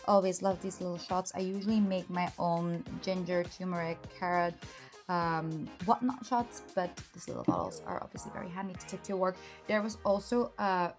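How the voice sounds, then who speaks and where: A woman's voice: fairly low pitch, steady tone, normal speed. Upbeat woman vlogging over music. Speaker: lifestyle vlogger. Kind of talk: casual vlog narration and haul chat.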